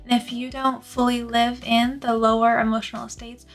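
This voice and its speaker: Woman, slightly high pitch, self-improvement YouTuber delivery, scripted advice, earnest emphasis on key words, music underneath. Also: flat delivery, moderate pace. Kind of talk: scripted personal development advice to viewers, productivity YouTuber delivery.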